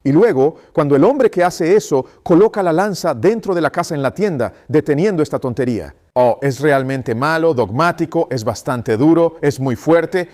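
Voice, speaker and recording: A man's voice: fairly high pitch, animated, normal speed, darkish tone. A man preaching a sermon, pressing the congregation with rhetorical questions in an insistent, emphatic way.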